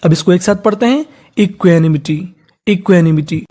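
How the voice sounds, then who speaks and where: A teacher giving a spelling lesson who spells each word letter by letter, blends it slowly, and asks and answers their own questions. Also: medium pitch, dark tone. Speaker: English teacher. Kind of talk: spelling lesson, sounding out words.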